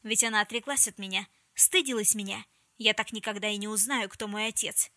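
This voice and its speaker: Cruel, bitter young man, woman reading, hisses threats, bright and dry. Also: mid-range voice, a little fast, dry recording. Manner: menacing, hissing, bitter.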